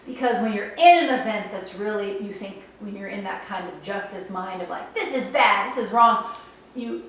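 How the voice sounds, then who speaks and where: A woman talking in a casual, reflective monologue as a self-help host. She is earnest and slips into quick quoted inner voices. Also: medium pitch, fairly bright tone. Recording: very echoey room, distant mic, faint noise.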